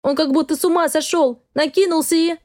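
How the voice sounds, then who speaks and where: A woman's voice: high-pitched, steady tone, fairly quick, a little mellow, no echo, studio quality, voice pushed up, natural voice. A woman reading an audiobook, voicing a frightened, desperate young female student who speaks through sobs and pleads. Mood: pleading. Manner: sobbing, pleading, breathless. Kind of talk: audiobook dialogue.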